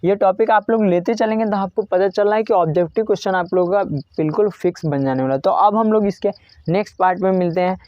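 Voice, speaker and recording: A woman's voice: mid-range voice, quick pace, dry recording. A woman teaching a grammar lesson, asking a question and answering it herself over and over. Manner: drilling students with repeated questions and answers. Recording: dull dry lo-fi recording.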